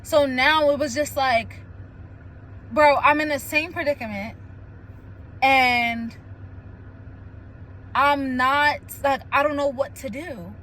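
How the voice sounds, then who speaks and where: A young woman hosting a casual solo chat, telling stories candidly with lots of "like" and quick laughs. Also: high voice, poor audio. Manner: candid, animated storytelling with frequent "like" and laughs. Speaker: podcast host.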